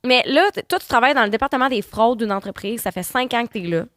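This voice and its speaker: A woman with a Quebec French accent and a slightly high voice co-hosts a casual talk show. She gossips in an animated, teasing, slangy way. The sound is dry and close. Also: quick pace, no room sound.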